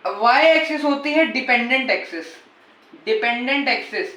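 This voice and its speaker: A man's voice: extremely high pitch, measured pace, pushed and bright, reverberant. A man teaching physics in a casual lecture style. He repeats key points and coaxes and teases his students as he goes. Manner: repetitive, coaxing, teasing the students.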